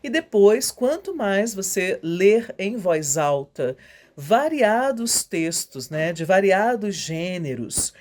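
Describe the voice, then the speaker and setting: A middle-aged woman teaching about voice careers, speaking in a measured way with frequent tag questions. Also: mid-range voice, sing-song, a little mellow. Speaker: voice professional answering students. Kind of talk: informal spoken lesson.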